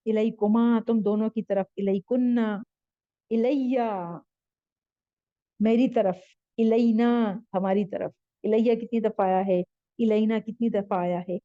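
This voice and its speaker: Slow, patient woman teaching Arabic grammar. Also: mid-range voice, dry recording, dull audio. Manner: patient, repeats each form with its meaning. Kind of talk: slow spoken lesson reciting word forms.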